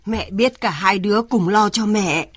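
An actress playing a lonely eighty-year-old mother in a radio drama, speaking slowly and plaintively with a husky voice. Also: medium pitch, dry recording, clean studio sound. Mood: resigned. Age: 80s. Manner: slow, plaintive, tearful.

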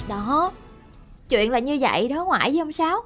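A woman's voice: high voice, normal speed, over loud music. A woman playing a polite young granddaughter. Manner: polite, lively.

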